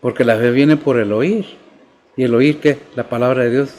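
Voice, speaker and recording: A man's voice: medium pitch, steady tone, normal speed, a little mellow. A male pastor, preaching and posing questions to the congregation. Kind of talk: sermon.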